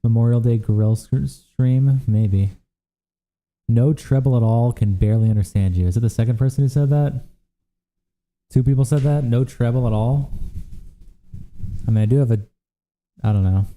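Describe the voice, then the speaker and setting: On a rough recording, a young man with a medium-pitched, mellow voice hosts a livestream and reads viewer comments. He sounds worn out from days of streaming and reacts to chat casually and profanely with quick asides.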